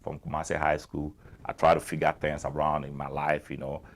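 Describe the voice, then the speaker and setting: A man's voice: rumbling low, monotone, fairly quick. A young Ghanaian man with a Ghanaian accent, talking at length as a guest in a casual interview and repeating his phrases for emphasis.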